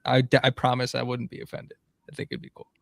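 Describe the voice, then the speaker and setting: A man's voice: mid-range voice, completely flat delivery, fast talker, creaky, no echo, clean studio sound. A man co-hosting a casual sports podcast, talking in a chatty, rambling way with many fillers. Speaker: podcast co-host.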